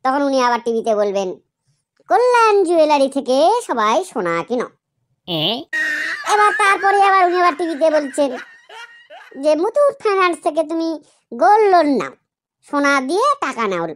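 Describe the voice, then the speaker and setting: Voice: high-pitched, sing-song, moderate pace, pauses often, a bit bright. A performer voicing a cheeky, argumentative schoolchild in a comedy cartoon, explaining things at length. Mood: mock explaining. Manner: cheeky, long-winded explaining. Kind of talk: comic cartoon dialogue.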